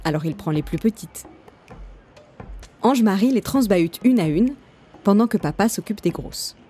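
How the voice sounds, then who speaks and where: A woman narrating a children's storybook with an expressive, lively reading. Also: mid-range voice, normal speed, husky, faint music behind.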